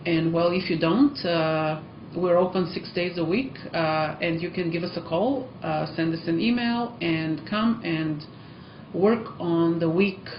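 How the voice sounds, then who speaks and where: Speaking a little slowly in a lowish voice, the Eastern European teacher, with her Eastern European accent, encourages learners in a casual vlog and pauses often on ums and uhs. The language school recording is muffled and echoey, with a faint hiss or hum.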